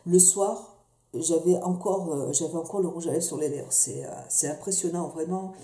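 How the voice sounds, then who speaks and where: A woman's voice: low voice, normal speed, warm tone. A woman casually reviewing beauty products at home, chatty and hesitant, with many fillers and restarts. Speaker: beauty vlogger. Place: home room. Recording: echoey room with faint noise.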